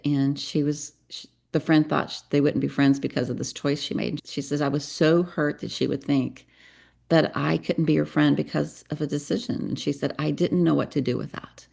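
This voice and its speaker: A middle-aged woman with a deep, gravelly voice, speaking as a podcast guest. She talks earnestly and confessionally and acts out snatches of dialogue as she tells her story. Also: fairly even intonation, normal speed, a little mellow. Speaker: guest, psychotherapist and parenting coach.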